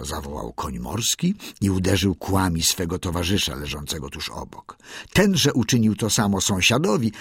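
A man reading a classic tale aloud with expressive storytelling. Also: lowish voice, vocal fry, husky, no echo, clean studio sound. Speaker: narrator.

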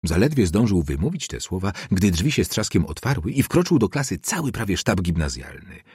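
Husky-voiced man narrating expressively. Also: low-pitched, a little fast, no echo, studio quality. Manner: expressive, dramatic reading. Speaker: audiobook narrator. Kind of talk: literary narration.

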